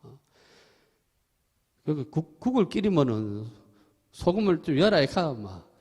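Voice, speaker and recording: A middle-aged Buddhist monk with a Gyeongsang accent, giving a chatty sermon that mixes stories and teaching, laughing often and asking the listeners questions. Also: male voice, a little high, big pitch swings, measured pace, a little mellow, husky. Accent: Gyeongsang Korean. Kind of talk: sermon with storytelling. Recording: temple hall with long reverb.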